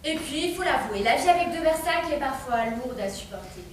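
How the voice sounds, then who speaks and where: Woman acting a grand high-voiced lady, echoey stage. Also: expressive, a little fast. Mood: resigned. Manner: theatrical, formal, dryly ironic. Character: grand, world-weary lady of the house, exasperated then resigned. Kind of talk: theatrical stage comedy acting. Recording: distant, very echoey, noisy stage recording.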